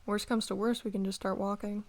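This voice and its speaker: Woman acting a creaky-voiced prickly young rival, ASMR role-play. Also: mid-range voice, level tone, a little fast, lightly acted. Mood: reluctant, grumbling. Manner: grumbling, sighing, conversational.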